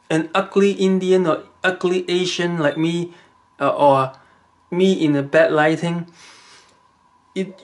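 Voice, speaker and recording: Speaking to the camera in a casual vlog, a man with a Chinese accent gives advice that wanders and stalls, with many fillers and restarts. His voice sits a little high.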